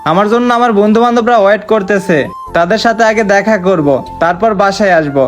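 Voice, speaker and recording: A young man acting out an earnest, sorrowful man just back from years of work abroad, who talks in a heartfelt, pleading way. His voice sits high. Soft music plays faintly underneath. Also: fast, lightly acted. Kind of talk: amateur short-film acting. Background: faint background music.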